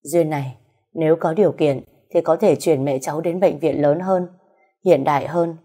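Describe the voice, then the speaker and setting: Woman voicing a calm, grave older male doctor. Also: sits low. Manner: slow, measured.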